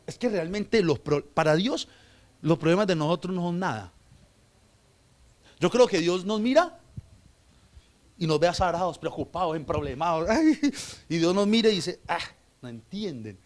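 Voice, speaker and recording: A man preaches to his church in a voice high for a man. He drops to soft, hushed asides, then climbs into loud, fervent stretches. He keeps turning to the congregation with direct questions. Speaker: pastor. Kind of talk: sermon.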